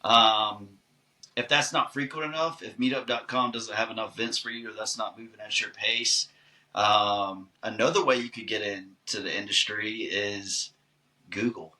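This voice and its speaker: A man who is an actor, answering podcast questions in a relaxed, chatty and long-winded way. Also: on the low side, moderate pace, low-quality recording. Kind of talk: casual podcast conversation.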